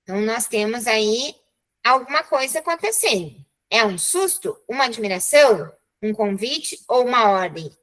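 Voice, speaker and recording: Bright, high-voiced Brazilian teacher. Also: female voice, animated, moderate pace, poor audio. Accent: Brazilian Portuguese. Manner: chatty, encouraging, with frequent "né?" and "tá?" checks. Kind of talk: live online class.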